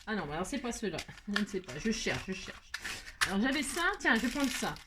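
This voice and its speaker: A woman's voice: medium pitch, big pitch swings, a little fast, noisy background. A middle-aged woman hosting a casual crafting tutorial at her table, chatty and self-mocking, laughing at herself.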